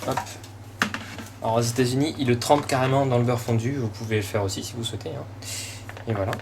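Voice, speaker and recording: A man with a French accent presents a recipe step by step as a cooking host. His voice sits at an average male pitch, and his delivery is informal and encouraging, dotted with little interjections. Clear kitchen noise runs behind him. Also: steady tone, fast talker. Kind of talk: casual step-by-step recipe demonstration. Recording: clearly noisy room ambience behind voice.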